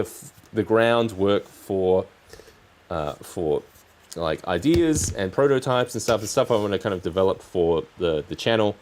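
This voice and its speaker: A man chatting casually on a hobby livestream as its host, rambling in halting, trailing phrases. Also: on the low side, a little hiss or hum. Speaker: streamer, crafting channel host. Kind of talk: casual livestream chat while crafting.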